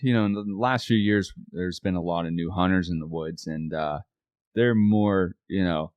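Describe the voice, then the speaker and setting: A man with a very low voice talks as a guest on a casual podcast. His speech is plain, folksy and informal. The recording is close and dry. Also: moderate pace, smooth, no echo, dull audio.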